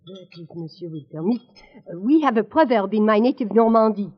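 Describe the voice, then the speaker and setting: An actress playing a gracious, insistent French restaurant hostess from Normandy, in 1940s radio drama style. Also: female voice, medium pitch, animated, fairly quick, close to an everyday voice. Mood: coaxing. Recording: dull old radio broadcast with music.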